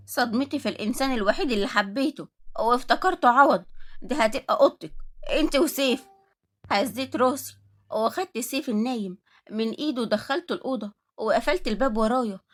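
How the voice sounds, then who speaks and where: A woman's voice: on the high side, lively intonation, fast. A woman with an Egyptian Arabic accent narrating a dramatic story in the first person.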